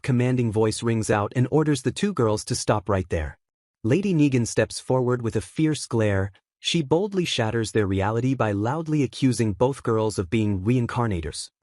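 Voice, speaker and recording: A man reads a scripted story recap in a steady, even storytelling manner. His voice sits at an ordinary middle pitch. The recording is close and dry, with no room sound. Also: no room sound. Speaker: narrator.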